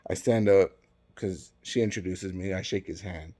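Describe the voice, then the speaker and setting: A man's voice: sits low, moderate pace, dark tone. A man telling a personal story in a casual way, acting out the dialogue with conversational asides.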